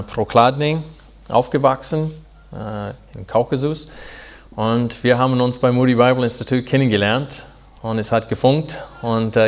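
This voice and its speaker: A pastor in his forties from Arkansas, with an American accent and English as his first language, preaching in earnest, halting German full of fillers. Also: mid-range voice. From Arkansas, USA. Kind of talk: sermon.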